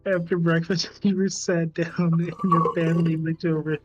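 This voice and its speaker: A man's voice: fairly high pitch, little pitch movement, normal speed, highs cut off, music in the background. Giggly man reading game text aloud. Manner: reads narration, breaks off giggling, swears casually. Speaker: streamer reading a visual novel aloud. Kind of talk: casual reading aloud with chat asides.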